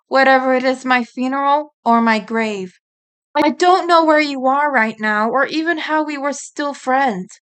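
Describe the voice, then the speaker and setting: In an audio story, a woman with a high-pitched voice reads the farewell letter of a caring female rabbit, sounding earnest, gentle and apologetic.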